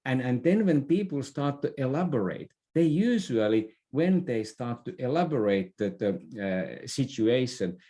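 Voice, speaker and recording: A very animated man with a mellow, slightly low voice appears as a leadership expert in an interview. Explaining his ideas in a conversational style, he's unhurried and halting, with frequent self-corrections and repeated words.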